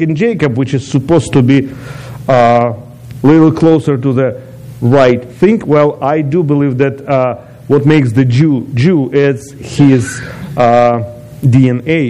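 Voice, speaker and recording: Mellow-voiced man from Ukraine giving a testimony. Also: medium pitch, rough recording. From eastern Ukraine. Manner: non-native phrasing, chatty with asides to the audience. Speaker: guest speaker giving a testimony. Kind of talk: personal testimony talk.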